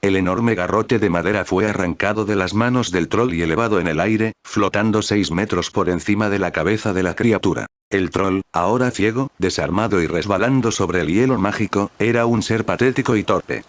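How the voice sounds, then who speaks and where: A man narrating a story in a steady, measured reading style. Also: fairly low pitch, dry recording. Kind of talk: scripted fanfic narration.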